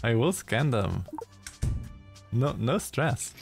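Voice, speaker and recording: Casual game streamer, man, slow talk, giggly and halting. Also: mid-range voice, very animated, gravelly, music in the background. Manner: giggly, halting, many ums and restarts. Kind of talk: casual live gameplay commentary.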